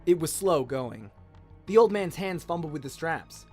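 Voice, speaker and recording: This voice actor's slightly high, darkish voice is expressive as he narrates a scripted story dramatically at normal speed. Music and sound effects play in the background, audio-drama style.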